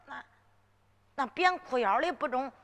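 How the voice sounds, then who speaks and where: A woman's voice: high-pitched, animated, unhurried, a bit bright, in a large hall, exaggerated voice. A woman performer voicing a bold young village girl who argues in plain-spoken dialect. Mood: pleading. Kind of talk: Henan zhuizi ballad storytelling.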